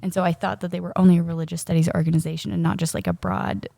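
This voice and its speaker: A woman in her thirties co-hosts a podcast, chatting casually with lots of ums and frequent laughter while her voice is still scratchy from a cold. Her voice sits on the low side, creaky and warm, with little pitch movement and a rapid-fire delivery. The recording is dry and clean, with studio quality.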